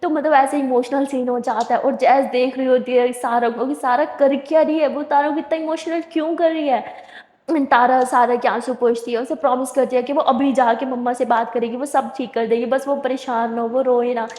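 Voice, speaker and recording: High-voiced woman narrating a story chattily. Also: steady tone, moderate pace, darkish tone. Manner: chatty, retelling with fillers. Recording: roomy echo with long reverb.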